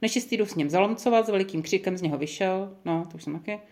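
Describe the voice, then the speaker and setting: A woman guides a small group through a Bible passage in a relaxed, conversational way. She thinks aloud, restarts her sentences and fills her pauses. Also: medium pitch. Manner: thoughtful, chatty, with many fillers and restarts. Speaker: Bible study leader. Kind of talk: leading a group Bible study.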